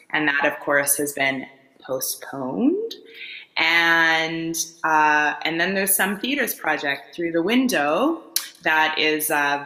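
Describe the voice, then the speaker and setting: A woman with a low, bright, sharp voice gives a measured update, pausing often on fillers. Her voice rings in a roomy, echoey space. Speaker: guest giving an update.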